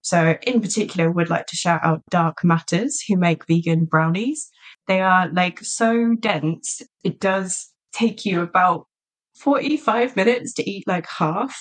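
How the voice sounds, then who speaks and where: A chatty, enthusiastic woman co-hosts a casual podcast, speaking a little slowly in a lowish voice. She lives in a small market town in south-west England.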